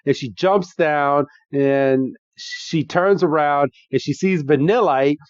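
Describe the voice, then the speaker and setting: Slow-talking man on a dull dry mic. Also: on the high side, no room sound. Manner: relaxed, chatty, quick to laugh. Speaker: podcast co-host. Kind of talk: casual recap chat.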